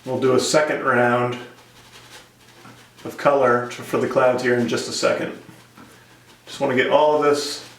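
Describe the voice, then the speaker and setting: A man teaching painting step by step in a gentle, informal, encouraging way. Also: medium pitch, flat delivery, moderate pace, pauses often. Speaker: painting instructor. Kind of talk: casual step-by-step painting tutorial. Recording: echoey room, distant microphone.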